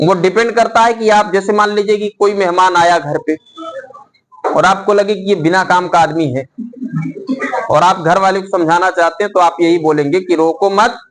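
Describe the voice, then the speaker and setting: A middle-aged man teaching a classroom lesson, explaining slowly and dictating notes for students to write down. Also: high-pitched, fairly even intonation, rough recording. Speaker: Hindi teacher. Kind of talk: classroom lecture.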